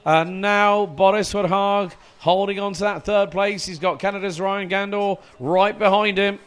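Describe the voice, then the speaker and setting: A man giving live motorsport commentary in an excitable, dramatic manner, calling the race as it happens. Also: high-pitched, measured pace, clear, resonant tone.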